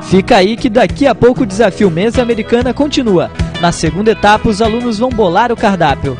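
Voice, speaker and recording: A man presenting a short grammar lesson, speaking slowly and clearly with playful examples. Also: high voice, expressive. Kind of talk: scripted educational narration. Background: music.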